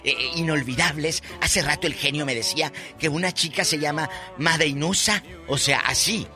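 A man's voice: fairly high pitch, moderate pace, over music. A man from Mexico co-hosting a comic radio show, joking and acting out voices in his anecdotes. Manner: playful, acts out voices in anecdotes. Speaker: radio co-host.

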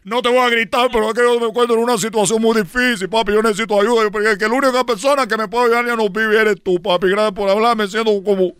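A man's voice: very high voice, steady tone, fast, few pauses, a bit bright, clear, resonant tone, no echo, studio quality. A man hosting a comedy radio sketch, telling a rambling story and laughing at his own jokes. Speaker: comedy host.

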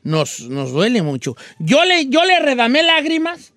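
A man's voice: extremely high pitch, huge pitch swings, a little slow, pushed and bright, no room sound. A man hosting a comedic radio show, teasing and playful, often stumbling over his words. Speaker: radio host.

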